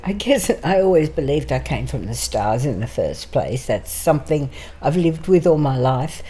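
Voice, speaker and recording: An older woman from Greece, reading her own poem in a slow, measured way and then telling her life story as a guest in her home. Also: sits low, big pitch swings, mellow, husky, low-quality recording. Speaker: interview guest. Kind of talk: poetry reading and personal storytelling.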